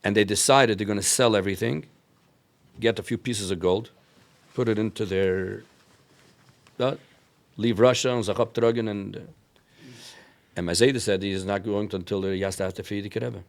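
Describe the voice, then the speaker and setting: Low, creaky-voiced man with inflection. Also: steady tone, moderate pace. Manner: mixes in many Yiddish and Hebrew words. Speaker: interview guest, rabbi telling family history. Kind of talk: conversational storytelling.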